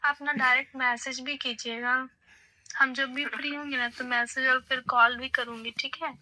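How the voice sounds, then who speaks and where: A woman's voice: high voice, level tone, moderate pace, pushed and bright, no room sound. A woman's voice run through a voice changer, coaxing and flirty on a prank phone call. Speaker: prank caller.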